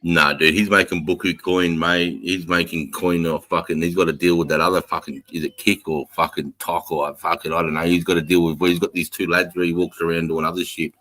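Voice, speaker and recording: A man's voice: low voice, level tone, a little fast, few pauses, pushed and bright, low-quality recording. An Australian man in his forties chatting casually and bluntly, swearing heavily and using blokey Aussie slang. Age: 40s. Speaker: military veteran and podcast talker. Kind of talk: casual chat.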